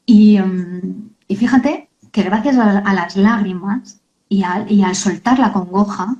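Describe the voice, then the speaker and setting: Guest author, woman, earnest and halting in a mellow voice. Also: medium pitch, highs cut off. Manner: earnest, halting, many tag questions. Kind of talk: emotional interview talk.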